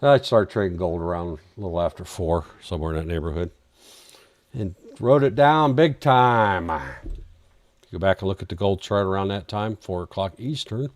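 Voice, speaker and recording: This is casual live market commentary: a man hosting a trading stream talks with viewers and answers their questions while studying charts. His low-pitched voice moves at normal speed and is wearing out as he loses it. The sound is dry and clean, like a studio.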